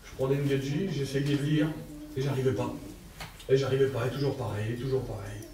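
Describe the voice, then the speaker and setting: A man's voice: mid-range voice, fairly even intonation, brisk, warm tone. A man preaching a heartfelt testimony sermon at a church service, with a stammer and simple, fervent speech. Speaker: lay preacher. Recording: distant echoey church hall sound.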